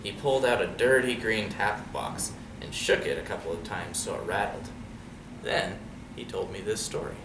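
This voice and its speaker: A man with a lowish voice reads a picture book to children at a moderate pace, expressive and conversational, with casual asides and frequent questions to check in with his young audience. The mic is distant in a roomy space, and background noise is clearly audible.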